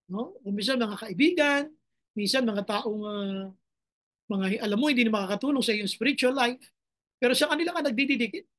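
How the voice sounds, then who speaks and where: A woman's voice: on the high side, a little fast. A woman pastor preaching a sermon with passion. She switches between two languages and breaks into dramatic cries to God.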